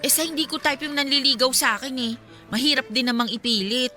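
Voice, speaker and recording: In a Tagalog radio drama, a woman plays a single young woman secretly pining for her friend, speaking casually, teasingly and colloquially in a wistful mood. Her high-pitched voice is quick, pushed and bright, with faint music behind it.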